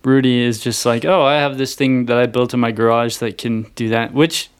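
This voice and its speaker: A man co-hosting a laid-back movie review podcast, talking through scenes in a mid-range voice. He keeps slipping into quick mock quotes of the characters. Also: medium pitch, flat delivery, clean tone. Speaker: podcast co-host. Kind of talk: casual movie review chat.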